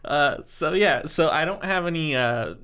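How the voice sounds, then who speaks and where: A man's voice: fairly high pitch, lively intonation, a little slow, sharp tone, clear, resonant tone. An American man presenting a topic on a casual podcast, hesitant and full of fillers, often breaking into laughter. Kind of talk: casual explanation.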